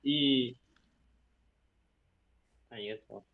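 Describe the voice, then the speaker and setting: A man practicing a cold call, hesitant and stumbling over his pitch. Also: very slow. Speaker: mentee practicing a sales call. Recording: tinny phone-like sound.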